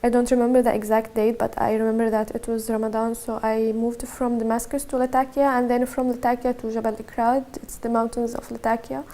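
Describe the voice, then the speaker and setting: A twenty-one-year-old woman from Syria with a Syrian accent, giving a halting personal testimony in an interview and often repeating her words. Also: fairly high pitch, flat delivery, dark tone.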